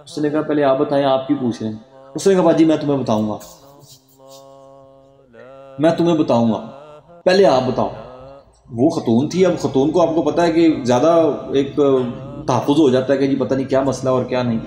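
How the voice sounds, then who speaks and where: A man's voice: pauses often, mellow, faint music behind. A man telling a Sufi devotional story, dramatically acting out the quoted speakers. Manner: dramatic, acts out quoted dialogue in a lowered voice. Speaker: religious storyteller. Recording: roomy echo with long hall reverb.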